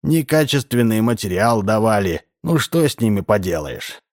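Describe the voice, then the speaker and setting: A man's voice: lowish voice, sing-song, moderate pace, darkish tone, dry recording, studio quality. A man voicing a sly, pushy middle-aged building manager in a read-aloud story. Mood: scheming. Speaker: building contractor.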